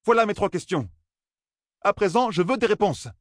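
A man's voice: high-pitched, animated, moderate pace, dry recording, voice pushed up. A man voicing a brash, angry young man who curses and demands answers, in a dry, close audiobook reading. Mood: angry demanding. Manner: shouting, exasperated.

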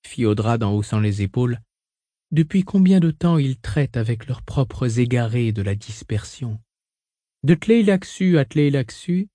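Man, audiobook narrator, measured novel reading, mellow tone, dry close recording. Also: mid-range voice, dry recording. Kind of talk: scripted narration.

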